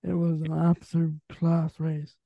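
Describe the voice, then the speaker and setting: A man's voice: on the high side, completely flat delivery, unhurried, creaky, no room sound. A man in his late teens with a west of Ireland accent, hosting a casual sports interview. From Galway, Ireland. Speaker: podcast host. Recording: dull, muffled lo-fi audio.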